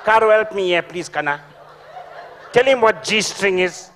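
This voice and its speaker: A man's voice: high-pitched, measured pace, fairly bright tone, slight background noise. A man with a Durban Indian South African accent doing live comedy dialogue on a theatre stage, questioning in an exasperated way. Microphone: handheld microphone.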